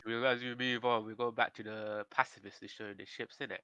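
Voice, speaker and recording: A man's voice: medium pitch, brisk, dull audio. Man chatting animatedly on a podcast. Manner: rambling, animated retelling with slang. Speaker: podcast co-host. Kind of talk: casual chat.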